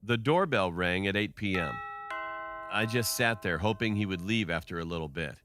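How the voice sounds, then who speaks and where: A man giving a scripted first-person narration of a story in a steady storytelling delivery. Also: sits low, normal speed, music in the background.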